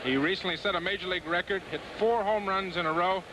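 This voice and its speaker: Casting: male baseball analyst, fairly high voice, giving commentary with clear stadium noise behind. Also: fairly even intonation, fast. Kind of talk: sports commentary. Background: outdoor stadium noise.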